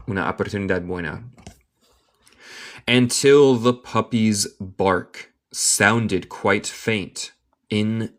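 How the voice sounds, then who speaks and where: An American man from Michigan who speaks English natively, reading a story aloud word by word in a slow English lesson and explaining it in Spanish. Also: fairly low pitch, fairly bright tone. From United States. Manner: reads English word by word very slowly, then explains in Spanish, answers chat. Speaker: English teacher, live streamer.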